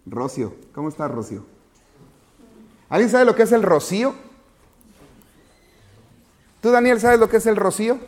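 A man's voice: high voice, animated, moderate pace, long pauses, darkish tone. A man teaching a Bible class to children, asking patient questions and calling on pupils by name. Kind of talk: interactive Bible lesson with children.

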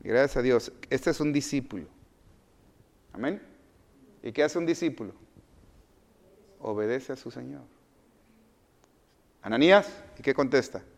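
A man preaching a sermon in a middle-pitched voice. He keeps asking the congregation questions and answering them himself. His delivery swings from loud, emphatic phrases to quiet, low asides. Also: moderate pace, creaky, long pauses. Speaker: pastor.

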